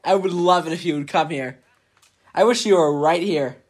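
A young man chatting and taunting others over game voice chat. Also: a little high. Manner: animated, joking, quick to taunt. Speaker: gamer in voice chat. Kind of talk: casual gaming chat.

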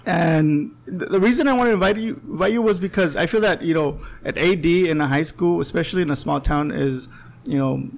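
A man hosting a casual local podcast, his speech loose and full of fillers. His voice is gravelly with a touch of fry and sits a little high. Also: fairly quick. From Southern California border town. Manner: rambling, many fillers. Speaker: podcast host.

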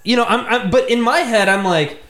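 A man's voice: high-pitched, fairly quick, roomy sound, a little hiss or hum. A man telling a long embarrassing story among friends, swearing, laughing at himself and acting out what he said. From United States. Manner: animated, swearing, laughing at himself, acts out his own quotes. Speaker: podcast host telling a story.

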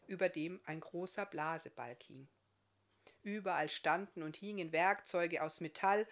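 Woman reading a fairy tale aloud. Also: lowish voice. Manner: calm, even storytelling. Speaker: author reading her own fairy tale. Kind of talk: storybook reading.

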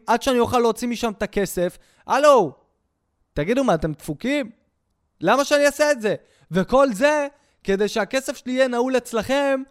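A young male comedian tears into his subject with crude, sarcastic outrage. His voice sits high and comes through smooth and clean. The sound is dry and close, with no room around it. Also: no echo. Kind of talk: stand-up rant.

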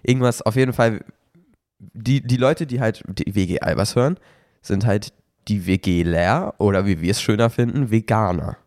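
A man's voice: lowish voice, moderate pace, darkish tone. A young man co-hosting a podcast in casual chat, who hesitates and often restarts his sentences. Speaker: podcast co-host.

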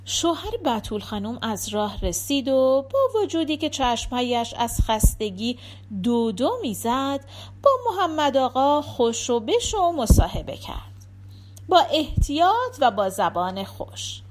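A woman narrating an audiobook story with expressive, lively storytelling. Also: high-pitched.

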